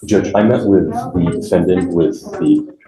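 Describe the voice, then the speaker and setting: Man, prosecutor, very low pitch, courtroom report, echoey room. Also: measured pace, a crowd in the background. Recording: echoey courtroom with people murmuring.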